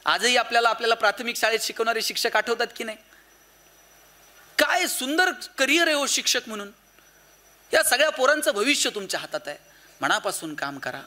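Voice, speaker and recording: Bright, high-voiced male lecturer. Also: fairly quick, long pauses. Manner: animated, rhetorical questions to the audience. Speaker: motivational speaker addressing parents and teachers. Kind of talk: public lecture. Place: auditorium.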